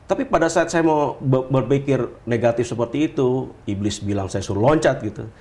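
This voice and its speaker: A man's voice: medium pitch, a little fast. A man, an entrepreneur guest from Indonesia, telling his story in an interview and acting out the voices of the people he quotes. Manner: animated, acts out quoted voices.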